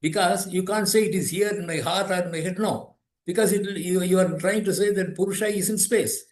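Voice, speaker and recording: An elderly man in his eighties talks through philosophical ideas as an interview guest, pausing to restart and repeat himself as he thinks. His voice sits fairly high for a man. The recording has a noticeable roomy echo. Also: steady tone. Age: 80s. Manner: thoughtful, repeats and restarts phrases. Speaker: guest, yoga teacher and author. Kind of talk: explaining philosophy in conversation.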